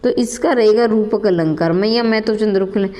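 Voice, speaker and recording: A woman's voice: mid-range voice, moderate pace, warm tone, long reverb tail. A woman coaching teacher going through exam questions, calling her students children and repeating each question and answer aloud. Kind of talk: exam answer walkthrough lesson.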